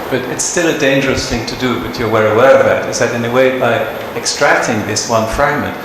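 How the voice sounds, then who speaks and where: A man's voice: mid-range voice, a little fast. A man giving an academic critique as an examiner, in long, formal sentences. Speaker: thesis examiner. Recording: very echoey room, clear background noise.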